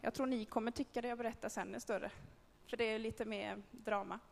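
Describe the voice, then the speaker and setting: Woman sharing a personal testimony to a group, conversational and halting, gravelly tone, recorded in a reverberant hall. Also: fairly high pitch, steady tone. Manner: candid, conversational storytelling with hesitations. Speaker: speaker telling a personal faith story.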